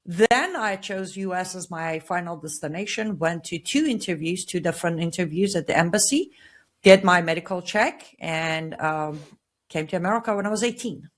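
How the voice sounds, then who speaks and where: Woman from Iran, lowish voice. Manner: measured, earnest personal account. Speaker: guest author. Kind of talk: interview answers.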